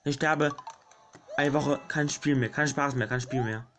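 A young man giving casual commentary over a platform game, fretting aloud, pleading, and yelling at enemies. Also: medium pitch, a little slow, slight background noise. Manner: excitable, frets and shouts at enemies. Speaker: gaming YouTuber. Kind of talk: casual let's play commentary. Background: game music.

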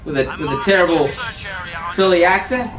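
Playful New host, higher voice, room echo, mic a bit far. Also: male voice, moderate pace, music in the background. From New York. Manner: joking, playful, narrates what he finds. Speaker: gaming host. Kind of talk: casual gameplay commentary. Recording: echoey room, mic at a distance, faint noise.

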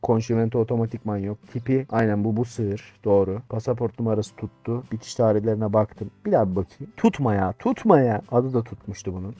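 A young man, commentating a game, talking back to the characters and getting short-tempered. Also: medium pitch. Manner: talks to game characters, grows irritated and shouts insults. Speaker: gaming YouTuber. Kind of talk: casual gameplay commentary.

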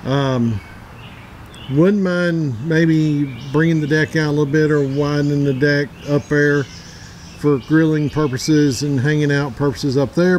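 This casual walkthrough vlog shows a forties-aged man from Middle Tennessee, an outdoors channel host, touring his backyard outdoors with a handheld camera in rambling, plainspoken, self-correcting fashion. His voice is on the high side with a darkish tone. The low-quality recording has slight background noise.

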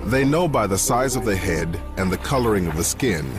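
A man with a fairly low voice narrates a nature documentary. His delivery is measured and dramatic, like scripted storytelling, with music clearly playing underneath. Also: expressive. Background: background music.

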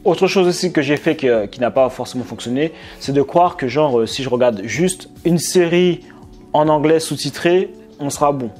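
A man's voice: fairly high pitch, moderate pace, a little mellow, soft background music. A man giving casual advice straight to the viewer in an informal, chatty way. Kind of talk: casual direct-to-camera advice.

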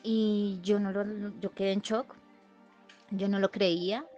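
A woman's voice: mid-range voice, steady tone, slow, muffled recording, faint music behind. A woman tells a personal story in a conversational way, with restarts and repeated phrases. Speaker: guest giving a testimony.

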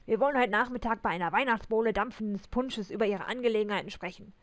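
A woman's voice: medium pitch, fast, no room sound, lightly acted. Woman doing a grumbling old miser, mock-stern, storybook reading. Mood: mock-gruff. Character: gruff old miser turned kindly, male.

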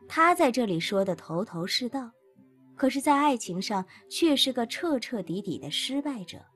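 A woman narrating a workplace novel as an audiobook, reading in an expressive storytelling manner. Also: on the high side.

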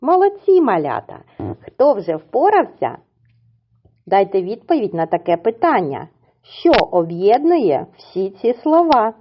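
A woman's voice: mid-range voice, big pitch swings, highs cut off, a little hiss or hum. A woman teaching a lesson to small children in a coaxing, sing-song tone, drawing words out syllable by syllable. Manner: slow, syllable-by-syllable pronunciation. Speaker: preschool teacher.

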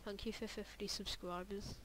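A woman's voice: medium pitch, flat delivery, moderate pace, a bit bright, a little hiss or hum, low-quality recording. A young woman chatting casually as she reacts to her own old videos, rambling with lots of fillers and trailing off. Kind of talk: casual reaction vlog commentary.

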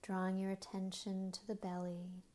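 In a monotone, medium-pitched voice, a woman leads a guided body scan meditation. She is gentle and slow, separating short phrases with long pauses and letting each one trail off softly and breathily.

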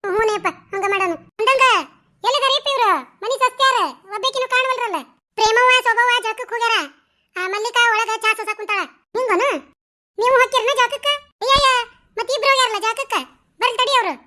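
A woman doing a shrill rustic village woman. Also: fast. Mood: scolding. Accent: North Karnataka Kannada. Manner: excitable, storytelling, scolding. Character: chattering rustic village woman, fussy and dramatic. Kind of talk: cartoon voice acting.

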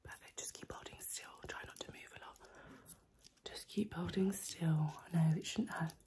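A woman in her twenties doing a whispered role-play as a medical attendant, close to the mic, giving brisk, bossy, clipped instructions. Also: on the low side, warm tone. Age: 20s. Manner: brisk, bossy ASMR with short clipped instructions and repeated words. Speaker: ASMR performer playing a medical attendant. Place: small room indoors by an open window. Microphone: close to the mic, leaning over the camera.

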